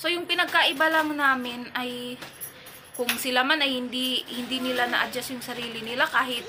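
A woman's voice: sits high, fairly even intonation, moderate pace, background noise. A woman from the Philippines chatting casually to her viewers, rambling with many fillers and restarts. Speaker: vlogger. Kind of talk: casual gossip chat to viewers. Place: family home.

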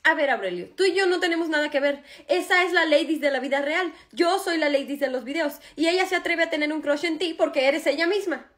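A woman's voice: high-pitched, brisk, hardly any pauses, fairly bright tone. A woman playing a flustered young woman who explains herself patiently in a comedy sketch.

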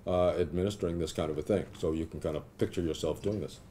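A middle-aged American man giving an informal lecture with a software demonstration, thinking aloud and asking rhetorical questions. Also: low-pitched, quick pace, background noise. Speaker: instructor presenting clinical simulations. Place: indoor classroom at a lectern.

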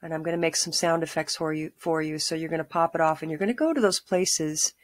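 A middle-aged woman leading a calm guided grounding exercise, giving soothing, unhurried instructions with pauses. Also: sits low, no room sound. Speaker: meditation guide. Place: small room at home, indoors.

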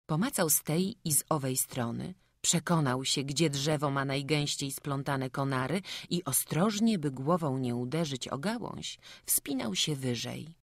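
Low-voiced woman reading an audiobook. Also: unhurried, hardly any pauses, no room sound, clean studio sound. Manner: calm, even reading. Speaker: audiobook narrator. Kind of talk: scripted narration. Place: studio. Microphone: close studio mic.

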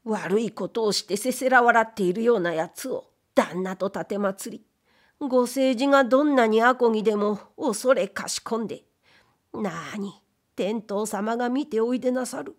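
A woman's voice: on the high side, normal speed, lightly acted. A woman reading aloud, voicing a humble, timid male ghost who was once a wastepaper dealer, speaking in polite, plaintive old Edo commoner speech. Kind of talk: audiobook reading of period fiction.

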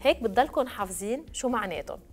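Lively woman teaching French. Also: a little high. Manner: slow, clearly spelled-out drilling of words. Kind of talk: televised classroom lesson.

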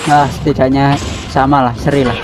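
A man giving casual let's-play commentary on a video game, excitable and repeating words in quick bursts. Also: mid-range voice. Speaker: gameplay commentator. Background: game music.

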